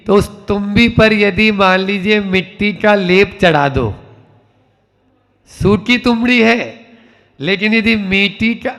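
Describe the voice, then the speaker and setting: A man preaching as a Jain monk, slow and deliberate, building up emphatic repeated refrains. His voice sits high with a gravelly edge. It rings out in a long hall reverb. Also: fairly bright tone. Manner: slow, repetitive teaching with rising emphatic refrains. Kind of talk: sermon.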